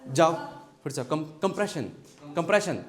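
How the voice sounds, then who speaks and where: A man teaching a science workshop to school students. He directs the students through a classroom demonstration and keeps asking them quick questions. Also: on the high side, animated, faint music behind.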